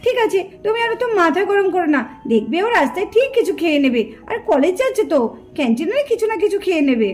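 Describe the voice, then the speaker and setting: A woman voicing a gentle young bride-to-be in a puppet cartoon, soft and calm. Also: extremely high pitch, quick pace. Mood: soothing.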